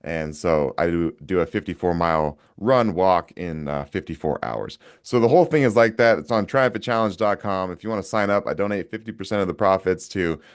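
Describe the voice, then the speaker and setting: A man with a lowish voice talks as a guest in a relaxed conversation. He is energetic and emphatic, leaning hard on his points and dropping the odd curse word. He sounds like a young adult. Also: a little fast, hardly any pauses, clear, resonant tone. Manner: energetic, emphatic, swears casually. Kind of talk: casual conversation.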